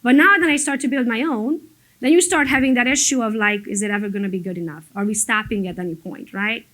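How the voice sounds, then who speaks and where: A woman who immigrated to the United States as an adult, with a first language other than English, talks to a group as a motivational business coach. Her voice is a little high, quick and fairly bright, and the recording quality is low. She tells stories bluntly and emphatically in a conversational style, with some mild swearing.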